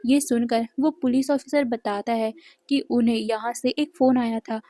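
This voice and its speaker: A woman's voice: a little high, fairly even intonation, normal speed, warm tone, no echo. Woman telling a fanfic story, chatty, dry close mic. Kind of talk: reading a fan story aloud.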